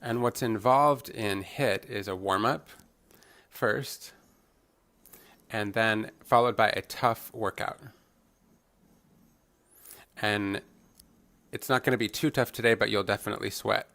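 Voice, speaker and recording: A man's voice: fairly low pitch, slow, vocal fry, pauses often, fairly bright tone. A man voicing a fitness trainer's signing as a live interpretation, giving upbeat coaching and calling out workout instructions.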